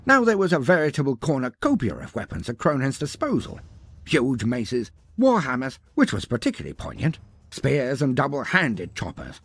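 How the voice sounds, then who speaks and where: A lore video narrator reads scripted fantasy storytelling with theatrical grandiloquence, slipping in wry asides. His mid-range voice is husky with vocal fry, moving at a moderate pace through huge pitch swings in this dramatic story narration.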